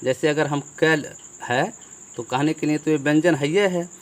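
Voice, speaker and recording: A man's voice: fairly high pitch, a little slow. A man teaching a grammar lesson, patiently explaining, asking questions aloud and answering them himself.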